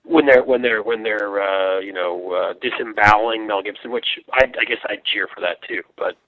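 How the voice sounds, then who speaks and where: A man appearing as a guest on a political talk show who speaks heatedly and haltingly, repeating words before he lands his point. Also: lowish voice, no echo. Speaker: guest commentator. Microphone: phone line. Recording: tinny phone line.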